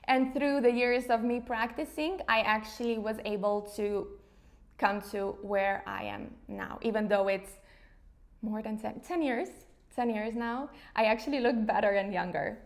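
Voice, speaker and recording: A woman's voice: fairly high pitch, fairly even intonation, unhurried, creaky. A woman in her thirties from Slovenia, an English speaker, chatting casually in an interview with frequent fillers like "you know". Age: 30s. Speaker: interview guest, face yoga founder.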